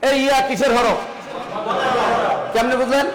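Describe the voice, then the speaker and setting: A man's voice: extremely high pitch, fairly even intonation, moderate pace, roomy sound, heavy background noise. A male teacher drilling a class on reading the Quran, asking the same questions again and again in a chanting, call-and-response way. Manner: drills with repeated questions, sing-song chanting.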